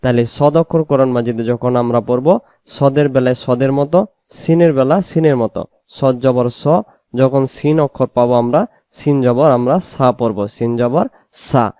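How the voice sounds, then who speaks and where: Man, Bangladeshi accent, Quran pronunciation teacher, warm dark voice, dry close sound, slow repetitive drilling. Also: medium pitch, no echo. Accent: Bangladeshi Bengali. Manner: sometimes sings out the letters. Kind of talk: spoken tutorial on Arabic letter pronunciation.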